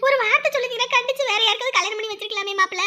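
Casting note: very high, bright woman with a Kanyakumari Tamil accent, cartoon village quarrels. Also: racing.

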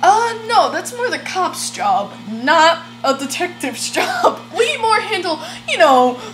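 A woman playing a blunt, deadpan female detective being interviewed in an amateur role-play. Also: very high voice, music in the background, heavily acted. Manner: blunt, deadpan, quick comebacks. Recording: roomy home recording with noise.

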